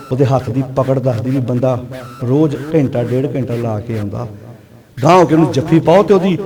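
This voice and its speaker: A man preaching a sermon to a village congregation, swinging between loud emphatic peaks and quiet earnest asides. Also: medium pitch. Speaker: Sikh preacher giving katha. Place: gathering in a village. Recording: live crowd audible behind.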